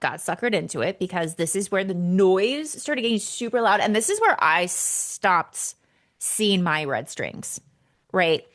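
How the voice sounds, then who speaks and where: A woman in her thirties tells her own story as a solo podcast host. She talks in a frank, casual way and swears now and then. Her voice sits at an ordinary middle pitch. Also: unhurried. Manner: candid, animated, casual swearing. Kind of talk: personal storytelling monologue.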